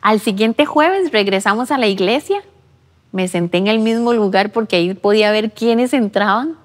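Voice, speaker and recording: This Costa Rican woman's medium-pitched, expressive voice moves at a normal speed as she earnestly recounts her faith testimony during a church interview, acting out her own past words. The sound carries the long reverb of a big room.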